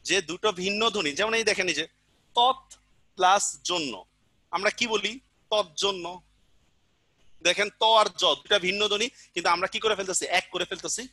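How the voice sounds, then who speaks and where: A man's voice: high voice, fast talker, sharp tone, dry recording. A male teacher giving an online grammar lesson, patiently repeating examples and often asking the class whether they understood. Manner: keeps asking students check questions.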